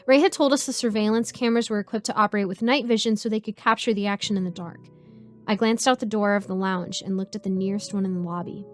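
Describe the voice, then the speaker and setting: A woman narrating a first-person horror story in a measured, suspenseful way. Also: mid-range voice, steady tone, faint music behind.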